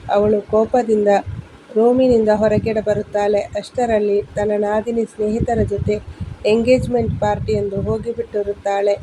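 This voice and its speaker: A woman narrating a family story in a calm, even storytelling manner. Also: medium pitch, moderate pace, background noise.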